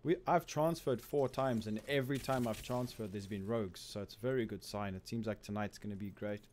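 A man with a Zimbabwean accent giving casual, excitable live commentary on a game he plays, chatting with viewers. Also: fairly low pitch, a little fast, slight background noise. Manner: casual, excitable, laughs often, calls viewers bro. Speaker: streamer.

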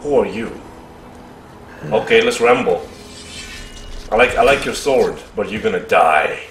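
A man giving casual let's-play commentary, excitable and thinking aloud as he repeats himself. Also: lowish voice, moderate pace, slight background noise. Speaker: gaming commentator. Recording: roomy echo.

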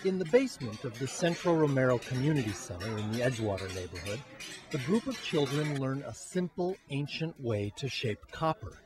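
A man with a medium-pitched, sing-song voice narrates a TV news feature, acting as both producer and reporter. His delivery is measured and scripted.

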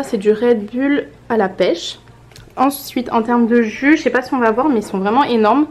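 A young woman from France talks viewers through her shopping in a chatty, direct way. Her voice sits a little high. She is recorded at home on a handheld camera, with a faint hiss underneath. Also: a little mellow. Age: 20s. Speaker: vlogger. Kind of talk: casual grocery haul vlog. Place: indoor home room, off camera.

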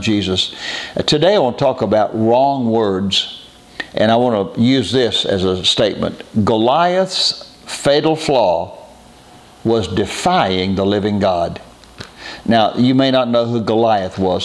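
Earnest man giving a devotional. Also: fairly low pitch. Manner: earnest, repetitive, plain-spoken. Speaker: host of a short devotional message. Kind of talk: short devotional message.

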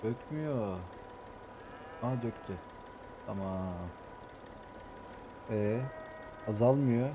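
A man with a Samsun accent, an adult with young kids, giving hushed, muttering commentary over a farming game, as his channel's host. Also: mid-range voice, very slow, pauses often, noisy background. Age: adult with young children. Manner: talks quietly, mutters to himself. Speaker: gaming YouTuber.

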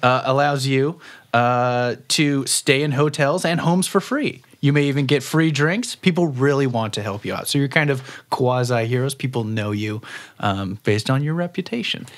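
A man running a tabletop game as game master, reading out choices playfully and laughing often. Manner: playful, laughing, rising pitch on scores.

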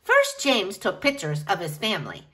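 A woman brings a picture book to life for children, talking directly to them with animated expression. She speaks at an ordinary pace in a mid-range voice.

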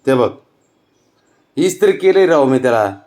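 A man's voice: medium pitch, animated, moderate pace, darkish tone. A man at home chatting to his cat, coaxing and teasing it in baby talk. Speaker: cat owner filming his pet. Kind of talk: casual talk to a pet.

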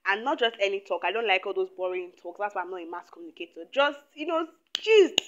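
A woman of twenty from Nigeria chatting to camera in a get-to-know-me video, animated and talkative, recorded indoors on a lapel mic. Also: medium pitch, fast, dull audio. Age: 20s. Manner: chatty, animated, laughs often. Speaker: YouTuber. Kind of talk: casual chat to camera. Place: small indoor room.

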